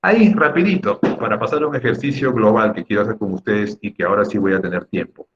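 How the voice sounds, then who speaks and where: Over dull audio, a fast-talking man whose voice is on the low side teaches accent rules in Spanish to his students. He is emphatic and instructive, repeating key terms and tossing in short tag questions to check understanding.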